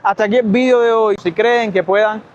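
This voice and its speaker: A young Cuban-accented man races through a storytime vlog in a high, bright voice. He talks while walking outside near a street, with faint traffic in the background. The sound is slightly dull. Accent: Cuban Spanish. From Cuba. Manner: fast, lively storytelling. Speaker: doctor and vlogger.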